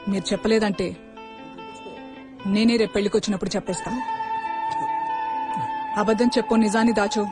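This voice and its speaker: A woman's voice: mid-range voice, fairly even intonation, normal speed, pauses often, over music, lightly acted. A woman in a film scene, lecturing insistently about honesty and cheating, mixing English into her Telugu. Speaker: teacher lecturing two young men on honesty. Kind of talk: film dialogue.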